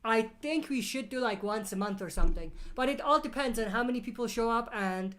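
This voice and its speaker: Reading out and answering viewer questions on a casual live Q&A stream, a female host speaks briskly in a slightly high, fairly bright voice with lively intonation. She has a cold, which makes her voice sound a little off.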